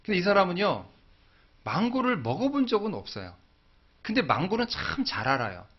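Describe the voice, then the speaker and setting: Animated male pastor telling stories. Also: sits high, normal speed, husky. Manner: animated storytelling, acting out dialogue. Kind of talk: sermon. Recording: dull lo-fi recording.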